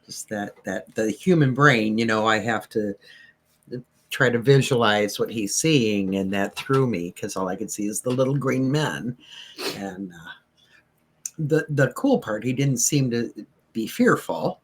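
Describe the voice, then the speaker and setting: Slow, husky-voiced man on a panel. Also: mid-range voice, lively intonation. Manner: thoughtful, musing aloud. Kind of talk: panel discussion.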